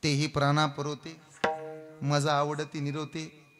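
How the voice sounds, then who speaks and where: Guy doing shatrughna, humble prince, slow reverent chant, faint music. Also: a little high, monotone, fairly bright tone, long reverb tail. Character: selfless young prince Shatrughna, humble servant.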